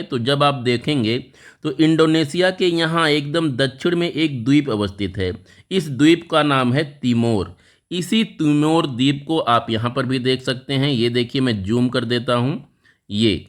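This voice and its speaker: A man's voice: medium pitch, a bit bright. Man teaching current affairs, stressing facts. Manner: explanatory, repeats key facts and says "remember this" over and over. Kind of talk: exam-prep lesson over a map.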